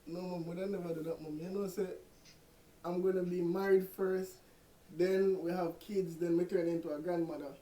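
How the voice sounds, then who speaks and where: Mellow-voiced Jamaican young man. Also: high-pitched, steady tone, moderate pace. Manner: pleading, coaxing. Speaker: prank vlogger. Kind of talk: casual phone call. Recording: roomy echo.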